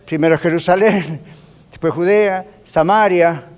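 A man's voice: high voice, unhurried, darkish tone. A male pastor teaching a sermon in a conversational way, often asking the congregation questions and dropping English fillers into his Spanish. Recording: long hall reverb.

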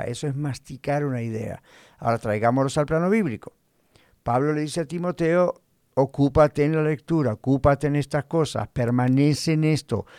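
A man's voice: a little high, darkish tone, clean tone, no echo, clean studio sound. A man pastor giving a teaching sermon, talking straight to the listener, leaning on repetition and homely everyday examples. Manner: earnest, repetitive, addresses listener directly.

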